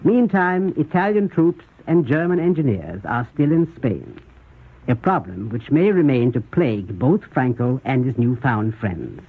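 A man giving scripted 1930s radio news commentary in a measured, formal, rhetorical manner, with a husky voice. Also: mid-range voice, expressive. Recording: muffled, tinny 1930s radio recording.

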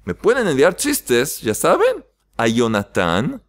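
Animated man telling a joke in a lesson. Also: medium pitch, takes it slowly. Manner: animated storyteller, laughing at his own joke. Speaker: rabbi teacher. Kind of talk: weekly Torah lesson with a joke. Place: yeshiva in Jerusalem.

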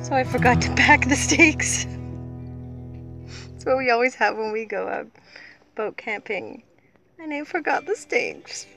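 A woman's voice: a little high, expressive, measured pace, gravelly, long pauses, fairly bright tone, soft background music. Middle-aged woman, chatty vlog host on a boat, handheld camera, casual and exclaiming. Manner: chatty, exclaiming, tour-guide pointing things out. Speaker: sailing vlogger. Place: outdoors on a sailboat on a lake. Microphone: handheld camera or tablet at arm's length.

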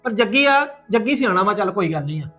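Man playing a fast-talking protesting son. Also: high voice, expressive, pushed and bright, faint music behind. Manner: protesting, argumentative. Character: young son defending his sister. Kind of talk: Punjabi family web drama.

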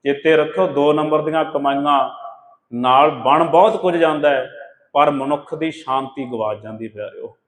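A man giving a sermon on scripture, asking rhetorical questions and chanting verses slowly. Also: fairly high pitch, a little hiss or hum. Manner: addresses listeners as beloved ones, rhetorical questions, chants scripture lines slowly. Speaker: katha preacher. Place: gurdwara hall. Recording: echoey hall with long reverb.

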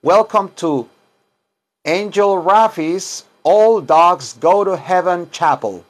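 Extremely slow and expressive, a middle-aged man with a high voice teaches English informally in both Spanish and English. This English teacher and self-styled chaplain repeats phrases and dictates them word by word inside a small wood-paneled room.

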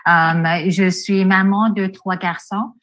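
A woman's voice: medium pitch, fairly even intonation, slow pace, a bit bright. A woman who is a parent and a teacher, introducing herself on a video call, hesitant and full of restarts.

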